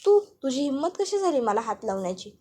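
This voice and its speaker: Mocking villain lady, high voice, threatening, woman doing the voice. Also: big pitch swings, brisk, mellow. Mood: scornful. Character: scheming spiteful woman villain, taunting.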